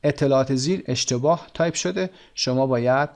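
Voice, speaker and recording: A man with a Persian accent teaching an English lesson. He says English words slowly and carefully, then explains them in quick Persian. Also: medium pitch, a little mellow. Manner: switches between careful slow English examples and quick explanations. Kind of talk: recorded language lesson.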